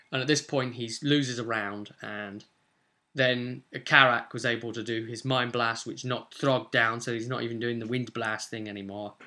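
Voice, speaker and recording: A British man in his twenties, a game master and video host, rambles chattily in a casual vlog explaining tabletop role-play, breaking into emphatic bursts. His voice is bright, forceful, and mid-pitched, with a British English accent, and he's in a small room at home.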